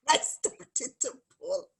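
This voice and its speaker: A woman hosting a group sharing session, telling a funny story in an expressive way and laughing as she goes. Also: rough recording. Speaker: host. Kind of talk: animated storytelling.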